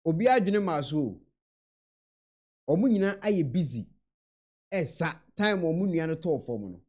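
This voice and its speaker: A man's voice: fairly high pitch, sing-song, a little slow, darkish tone, soft background music. A young Ghanaian man in a small room, earnestly commenting on a video into a webcam and mixing in English words. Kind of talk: reaction commentary.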